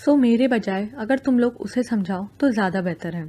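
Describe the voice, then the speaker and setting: A woman's voice: fairly high pitch, dark tone, natural voice. Curt aloof young student guy, as a woman reads him. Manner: brusque, impatient.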